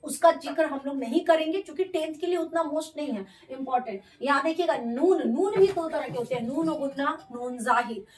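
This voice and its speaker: Woman teacher going over grammar slowly, repeats stuff, asks herself questions, sounds far off in a roomy space. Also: sits high. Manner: explains patiently, repeats terms, asks and answers her own questions. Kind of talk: classroom-style grammar lesson.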